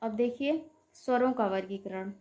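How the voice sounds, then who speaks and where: Slow, patient woman teaching grammar. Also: a little high, a little mellow. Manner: slow, explanatory, repeats terms and drawn-out vowel sounds; asks rhetorical questions to the class. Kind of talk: Hindi grammar lesson for exam students.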